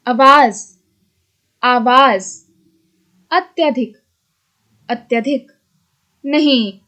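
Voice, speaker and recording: A woman narrating a Hindi grammar textbook lesson, reading word pairs slowly and carefully. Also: high voice.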